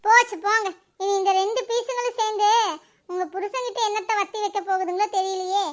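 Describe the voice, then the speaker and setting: A woman doing a shrill gossiping village woman. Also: steady tone. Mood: scolding. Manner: scolding, quick and mocking. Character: sharp-tongued gossiping village woman, adult. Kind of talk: cartoon voice acting.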